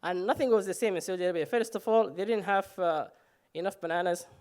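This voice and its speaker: High-voiced man telling a story. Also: fast, a little mellow, clear, resonant tone. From Somalia. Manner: humorous, self-mocking, frequent "uh" fillers. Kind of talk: live personal storytelling on stage.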